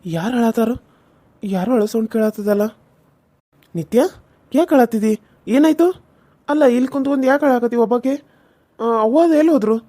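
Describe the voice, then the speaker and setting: A woman's voice: on the high side, fairly quick, pauses often, mellow, natural voice. A woman voicing an earnest young village husband in a cartoon serial, apologizing. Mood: concerned. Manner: pleading, apologetic.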